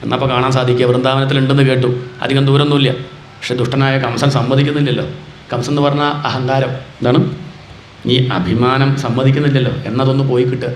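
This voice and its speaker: A man's voice: medium pitch, little pitch movement, fast, slight background noise. A man giving a devotional discourse, telling stories and asking rhetorical questions that he answers himself. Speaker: spiritual lecturer. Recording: roomy echo with faint ambience.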